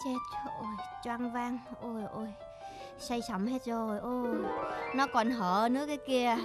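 A woman's voice: fairly high pitch, steady tone, normal speed, close to an everyday voice. A woman playing a melodramatic old village aunt with a Northern Vietnamese accent, cursing and wailing in a stage comedy sketch. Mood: scolding. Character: scolding old village aunt, loud and dramatic. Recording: music playing underneath.

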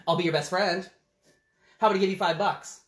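A man voicing a whiny, excitable picture-book pigeon. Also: high voice, brisk, echoey room, pitched above the performer's own voice, lightly acted. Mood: eager, coaxing. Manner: wheedling, whiny, exclaiming. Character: pleading, pushy cartoon pigeon, whiny and excitable. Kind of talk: children's picture-book read-aloud.

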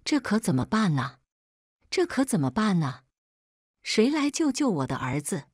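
A woman voicing a bossy, scheming middle-aged mother-in-law who talks in a shrill, domineering way in an audio story. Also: very animated, a little slow, dry recording, studio quality. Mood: wailing. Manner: shrill and domineering, wailing when upset.

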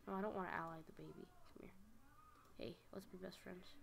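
Speaking quickly in a lowish, gravelly voice with a steady tone, this young gaming host banters with on-screen creatures during relaxed let's-play commentary. She's chatty and giggly, recording at home on a desk mic.

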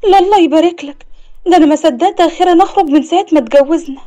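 A shy, sweet Egyptian bride of twenty, as a woman narrator voices her, high and quick. Her speech is soft and mellow. Animated story voice work. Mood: pleading. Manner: shy, pleading, excited. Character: shy sweet 20-year-old young woman, new bride.

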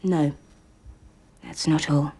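A woman's voice: deep voice, fairly even intonation, slow pace, mellow, slight background noise. An actress playing a wry woman who was once in analysis, speaking drily and teasingly, often dropping to a near whisper. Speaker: woman recalling her analysis. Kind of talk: film dialogue.

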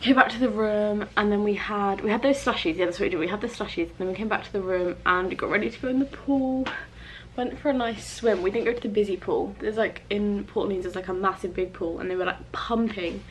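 A woman's voice: medium pitch, a little fast, a little hiss or hum, rough recording. A young woman chatting casually to camera on a travel vlog, giggly and full of fillers. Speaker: travel vlogger. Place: theme park outdoors, then hotel room. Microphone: handheld camera.

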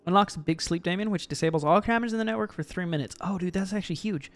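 A man's voice: sits high, quick pace. A man casually commenting while playing a video game, joking and reading game text aloud. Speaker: gaming video host.

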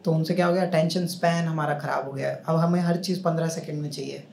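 Working a club stage with a stand-up routine, this young man jokes with and needles his audience in a fast, steady delivery. His voice sits on the high side and is creaky yet a little mellow. Captured through a handheld mic on a stand, the sound is roomy and live, full of crowd noise and laughter.

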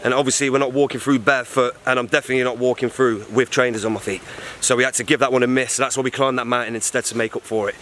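A man's voice: mid-range voice, fairly even intonation, rapid-fire, hardly any pauses, a bit bright, slight background noise. A man, vlogging a boat trip outdoors in a chatty, slangy, upbeat way, filmed on an action camera on a selfie stick. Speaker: travel vlogger. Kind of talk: casual travel vlog.

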